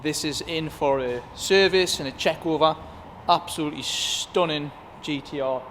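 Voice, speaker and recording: A man's voice: a little high, moderate pace, a bit bright. A man hosting a casual walk-around vlog inside a car workshop, chatting with the mechanics. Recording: echoey workshop hall with faint background noise.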